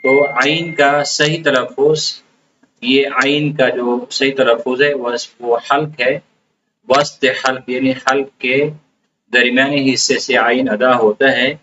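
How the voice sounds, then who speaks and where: A man's voice: mid-range voice, fairly even intonation, a bit bright. A man teaching the pronunciation of Quranic recitation, explaining patiently and drawing out words as he demonstrates them. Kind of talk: pronunciation lesson. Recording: dull lo-fi sound with faint background noise.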